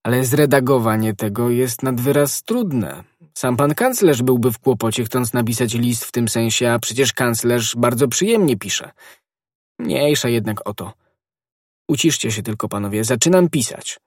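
A man voicing a refined, self-assured poet musketeer in an audiobook, speaking gently and slowly with stress on each phrase. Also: mid-range voice, no room sound, clean studio sound, close to an everyday voice. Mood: fussy. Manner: gentle, measured, emphatic reading.

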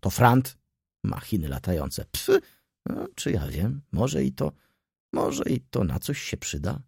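A man voicing an aging, excitable old shop clerk who pleads fervently and climbs to high, excited peaks. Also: slow, gravelly, slightly rough, no room sound, clean studio sound, heavily acted. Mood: insistent. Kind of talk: audiobook dialogue reading.

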